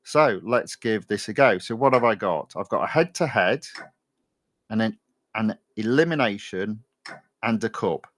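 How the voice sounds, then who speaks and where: A man's voice: lowish voice, unhurried, dry recording. A middle-aged man from England, chatting casually with many ums while live-streaming a racing game. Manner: relaxed, chatty, many ums and uhs, reads chat aloud. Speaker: gaming streamer.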